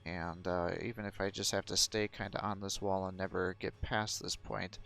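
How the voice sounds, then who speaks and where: A man's voice: low-pitched, little pitch movement, normal speed, creaky, fairly bright tone. A man casually commenting on his own strategy game as he plays, thinking aloud with hesitant fillers. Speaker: gameplay commentator.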